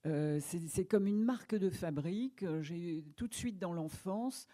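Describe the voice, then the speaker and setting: A woman's voice: lowish voice, measured pace, mellow. A French woman author talking at length in a conversational interview, thoughtful, with many small restarts. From France. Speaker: author guest. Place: media library talk.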